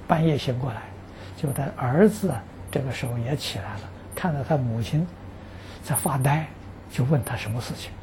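Mellow man giving an unhurried dharma talk. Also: medium pitch, a little hiss or hum. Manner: peppers speech with drawn-out "ah" fillers; earnest, stresses that the account is true. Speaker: Buddhist teacher answering practitioners' questions.

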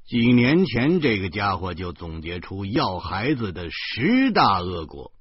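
A man reading a novel aloud as narration, telling the story in a lively way and chuckling now and then. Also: lowish voice, a little slow, slightly rough, dry recording, dull audio. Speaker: audiobook reader.

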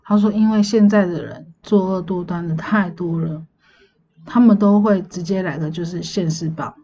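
A woman, casually telling a dream story on her podcast in a chatty, meandering way, often pausing to recall details. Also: lowish voice, steady tone, mellow, muffled recording, slight background noise. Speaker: podcast host.

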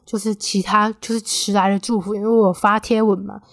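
A twenty-year-old woman with a Taiwanese Mandarin accent hosts her solo podcast, chatting casually and becoming animated when quoting friends. Her mid-range voice is a little fast, recorded with studio quality and no echo.

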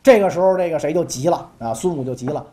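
A woman's voice: low voice, fast, warm tone. A woman telling ancient history in a jokey, chatty way with asides to listeners. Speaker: storyteller. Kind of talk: colloquial history storytelling.

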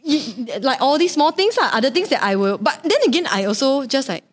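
A woman's voice: sits high, sing-song. A woman co-hosting a casual podcast, mixing English and Chinese, playful and teasing. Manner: code-switching, playful teasing, fast. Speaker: podcast co-host. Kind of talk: casual bilingual chat.

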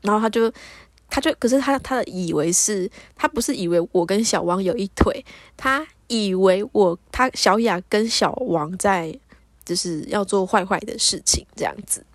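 A woman's voice: medium pitch, normal speed, no echo. A woman hosting a podcast, casually telling a dream story and acting out the dialogue. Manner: animated, acts out the dialogue. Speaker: podcast host.

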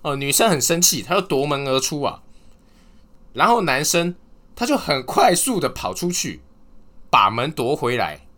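A man's voice: fairly high pitch, sing-song, normal speed, pauses often, bright, forceful tone. A man hosting a solo podcast. He gives earnest advice, then tells corny jokes and laughs at them. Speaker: podcast host. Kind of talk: casual solo podcast talk.

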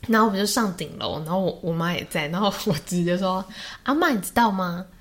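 Lively Taiwanese woman telling a family story. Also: medium pitch, fast. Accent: Taiwanese Mandarin. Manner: lively storyteller who acts out family members' voices. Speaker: podcast co-host. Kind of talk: casual chat.

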